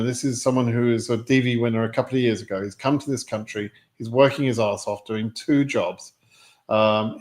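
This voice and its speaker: A man's voice: medium pitch, a little mellow. British man in his sixties, plainspoken. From United Kingdom. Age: 60s. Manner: rambling, frequent ums and restarts, frank and plainspoken. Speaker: immigration lottery advisor hosting a live stream. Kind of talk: live stream Q&A, reading viewer questions.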